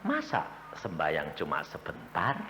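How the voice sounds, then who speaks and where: A calm, fatherly God who corrects gently in a low, hushed voice, as a preacher puts him on. The words come slowly and stay soft, and they sound roomy and echoey, like a church hall with faint ambience behind them. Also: slight background noise, full character voice. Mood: gentle rebuke. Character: God speaking, calm fatherly rebuking male voice.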